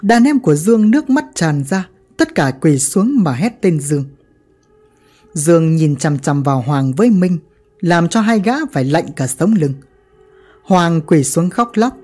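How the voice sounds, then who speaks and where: A woman narrating a gangster ghost story in a lively, dramatic manner. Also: on the low side, a little slow. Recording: faint background music.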